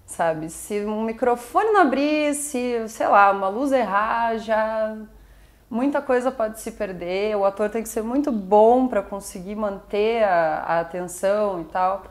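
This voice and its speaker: A woman's voice: mid-range voice, measured pace. Chatty Brazilian woman. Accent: Brazilian Portuguese. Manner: chatty, frequent fillers and tag questions. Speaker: guest, musical theatre performer. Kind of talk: casual interview chat.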